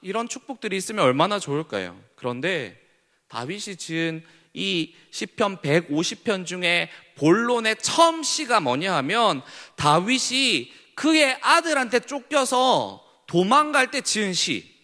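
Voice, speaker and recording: A male youth pastor preaches to teenagers, often turning questions to the room. His voice sits high and bright, swinging widely in pitch. It rings with the long reverb of a church hall. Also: measured pace. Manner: animated, asks the room questions. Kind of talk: sermon to teenagers.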